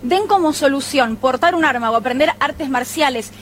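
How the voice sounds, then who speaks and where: An Argentine woman news anchor, talking fast and insistently, pressing a point in a heated live interview. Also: high-pitched, slight background noise. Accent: Argentine Spanish.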